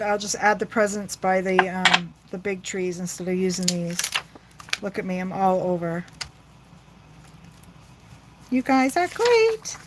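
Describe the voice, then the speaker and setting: A woman's voice: mid-range voice, noisy background. A middle-aged woman rambling chattily to her viewers while she works on a crafting livestream. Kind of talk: casual crafting livestream chat.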